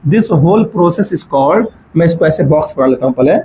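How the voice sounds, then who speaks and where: A man's voice: fairly high pitch, lively intonation, mellow, a little hiss or hum, poor audio. A man teaching biology in a classroom-style lecture, asking rhetorical questions and checking that students follow. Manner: mixes in English terms while dictating notes slowly.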